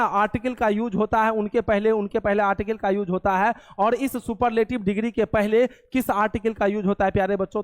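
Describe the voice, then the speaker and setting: A male teacher with a fairly high voice leads a classroom lesson. He poses a question, answers it himself right away, and repeats the key terms again and again so they stick. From India. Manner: asks and answers his own questions; repeats key words for drill.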